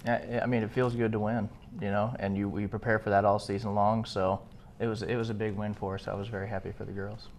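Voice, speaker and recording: Man, head coach, low voice, easygoing, conversational, press conference. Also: little pitch movement, fast, a little mellow, a little hiss or hum.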